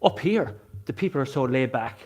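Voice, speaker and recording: A man's voice: medium pitch, animated, moderate pace, a little mellow. A man from Galway with a west of Ireland accent, chatting casually and ramblingly on a live vlog, often repeating himself. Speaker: live-streaming paranormal investigator showing historic sites.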